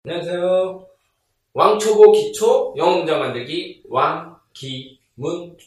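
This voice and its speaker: A man's voice: high voice, unhurried, darkish tone, very echoey, recorded from a distance. A man teaching a beginner English lesson, patiently drilling word pairs and repeating each one.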